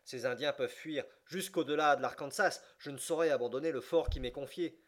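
A man's voice: medium pitch, normal speed, close to an everyday voice. A man reading an audiobook, voicing a proud army captain who speaks in an emphatic, raised voice. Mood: stern.

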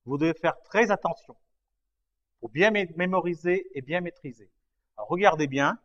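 A man teaching a writing lesson, slowly explaining each stroke, repeating himself and checking that his students follow. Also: on the high side, fairly bright tone. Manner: patient, repeats and checks understanding. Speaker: language teacher. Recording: dull lo-fi recording.

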